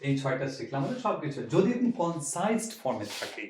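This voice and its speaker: A man teaching a chemistry lesson with a fairly high voice. He walks through each step, repeats the key points and asks rhetorical questions. The room gives a clear echo. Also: big pitch swings, fairly quick, a little mellow. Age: older. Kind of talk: classroom lecture.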